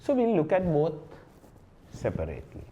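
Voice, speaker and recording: A man's voice: a little high, huge pitch swings, normal speed, lo-fi sound. A man with a Sri Lankan accent, a lawyer explaining points and telling anecdotes as an interview guest, with emphatic phrasing.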